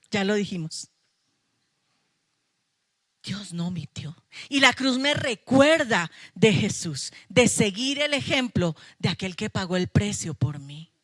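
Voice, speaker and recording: A woman's voice: a little high, fairly bright tone, dry recording, studio quality. A middle-aged woman pastor, preaching a sermon with emphatic passion and playful asides to her congregation. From Colombia. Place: church sanctuary.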